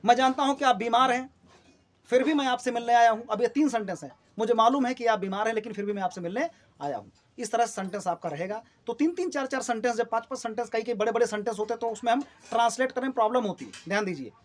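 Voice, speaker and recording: A man's voice: very high voice, quick pace. A man teaching an English lesson in Hindi. He explains sentence types step by step, often checks in with the class, and repeats key terms. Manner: says English example sentences more loudly and clearly.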